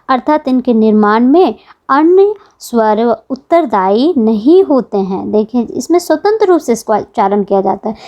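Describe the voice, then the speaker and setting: A woman's voice: high voice, warm tone. A woman teaching an exam-prep grammar lesson, patiently repeating key points and asking the class questions.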